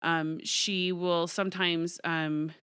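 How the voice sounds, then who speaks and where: A woman's voice: fairly low pitch, little pitch movement, slow pace, a bit bright, clear, resonant tone, no room sound. A middle-aged woman, a guest being interviewed, chatting candidly and often laughing. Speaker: guest, entertainment reporter. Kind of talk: casual interview chat.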